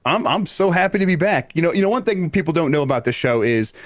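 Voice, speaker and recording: A man chats rapidly as a podcast guest, tripping over his words and restarting often. His voice sounds dry and close to the mic. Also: fairly high pitch, expressive, no room sound. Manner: hesitant, stammering restarts. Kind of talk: casual podcast chat.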